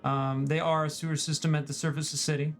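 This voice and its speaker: A man's voice: on the high side, level tone, fast talker, soft background music. A man running a tabletop game as game master, describing scenes with frequent restarts and fillers.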